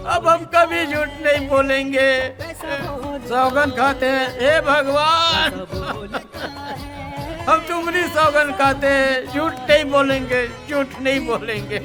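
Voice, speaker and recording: A fretful farmer deep in debt grumbles and frets. The voice sits very high and moves slowly. Loud background music from the film score runs under the speech. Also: male voice, fairly even intonation. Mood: pleading. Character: anxious indebted village farmer, middle-aged man. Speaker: villager in debt.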